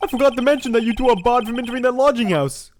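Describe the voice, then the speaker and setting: A man voicing a gruff, blustering police detective, read aloud from a video game. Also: very high-pitched, very fast, slight background noise. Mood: flustered.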